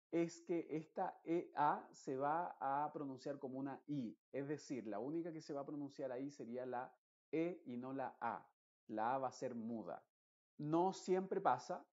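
Male teacher, patient explainer, mellow voice, muffled lo-fi recording. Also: medium pitch. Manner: explains patiently, stretches vowels, reads word lists aloud. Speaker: English pronunciation teacher. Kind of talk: recorded online lesson.

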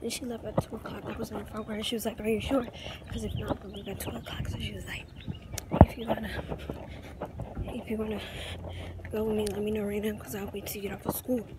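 Talking fast in a flat, medium-pitched voice and pausing often, a teenage girl rambles through a casual, slangy vlog chat. The phone at arm's length follows her from home indoors to outdoors amid heavy background noise.

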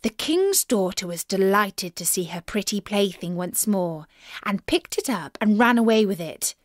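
A woman narrates a children's fairy tale at an unhurried pace. Her pitch moves up and down in a lively, expressive way, and the recording is dry and close. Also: dry recording. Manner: expressive, deliberate read-aloud. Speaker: storyteller.

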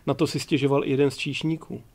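A man's voice: mid-range voice, level tone, lightly acted. A male audiobook narrator voicing a courteous, formal ship captain in his mid-forties. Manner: polite, formal.

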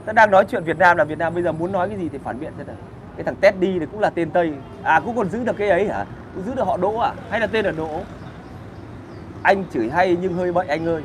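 A man rants in a high, pushed voice, crude and combative. He hosts a casual livestream from outdoors. Traffic and street noise sit loudly behind him. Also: fast. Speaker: livestream host answering viewer comments.

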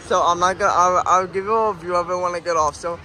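A young American man talking casually to camera in an outdoor vlog, halting and rambling as he goes. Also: high-pitched, steady tone, bright, forceful tone, some chatter behind, a little hiss or hum, rough recording. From Pennsylvania, United States. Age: young adult, late teens. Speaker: vlogger. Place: outdoors in an amusement park. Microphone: phone at arm's length.

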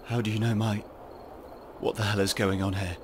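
A man's voice: lowish voice, level tone, moderate pace, background noise, lightly acted. A man voicing a game protagonist, speaking in a tense, confrontational way. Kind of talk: game voice acting. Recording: game audio under loud music.

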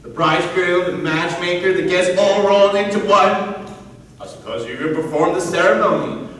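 A man acting a stubborn, gruff older father on a school stage, sarcastic and exasperated, bursting into song. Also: high-pitched, moderate pace, fairly bright tone, a little hiss or hum. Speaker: stage actor. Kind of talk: amateur stage musical acting. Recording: echoey theatre stage from far off.

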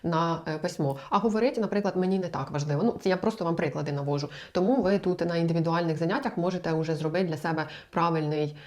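A woman's voice: fairly low pitch, racing, few pauses, darkish tone. A young woman from Ukraine giving language-learning advice in a casual, chatty talk to the camera, explaining with examples and asides.

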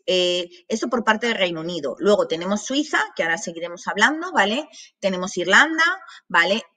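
A woman's voice: fairly low pitch, bright, forceful tone. A woman giving an informal presentation on working abroad, talking in loose restarts and often checking in with her listeners. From Spain. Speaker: presenter of a work abroad programme masterclass.

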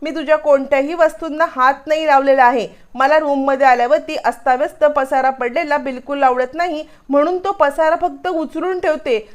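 A woman voicing a headstrong young bride who presses hard with questions. The voice is high and insistent, read in a storyteller's plain way. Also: lightly acted. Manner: demanding, confrontational.

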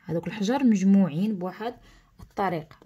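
A woman's voice: mid-range voice, fast, warm tone, husky. A woman with a Moroccan accent explaining a French lesson to schoolchildren, mixing French terms into her Arabic and often checking that the class has understood. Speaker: teacher.

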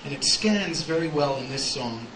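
A man's voice: on the high side, lively intonation, normal speed, background noise, natural voice. A comedian on a club stage playing a pompous male professor who lectures a class in a pedantic, mock-scholarly way. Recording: echoey live club recording from far off, music.

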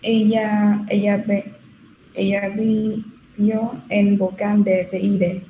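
A woman's voice: mid-range voice, flat delivery, dark tone. A woman student reading a text aloud in class, hesitant and correcting herself. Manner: hesitant, halting, self-correcting. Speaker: language student. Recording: echoey room with faint noise.

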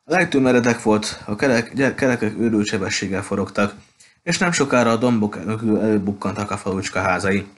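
A man reading a novel aloud at a steady pace, with occasional slips and restarts. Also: lowish voice. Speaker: audiobook reader.

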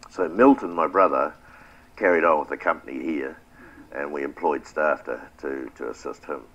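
A man's voice: very deep voice, slightly rough, muffled recording. An older man with a New Zealand accent, telling his family's beekeeping history in a reflective, plain-spoken oral history interview. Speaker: retired beekeeper.

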